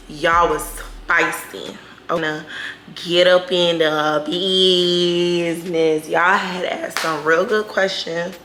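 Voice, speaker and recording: A YouTube vlogger in her twenties, with a fairly low-pitched voice, chats candidly through a Q&A video, using slang and drawing out words for emphasis. The background is noisy.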